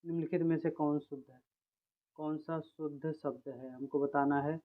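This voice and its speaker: A man's voice: on the high side, fairly even intonation. A man going through a spelling quiz as a teacher, reading out each option and casually calling his viewers friends. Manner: informal, addresses viewers as friends; reads out options, then repeats the right spelling slowly. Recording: tinny phone-like sound.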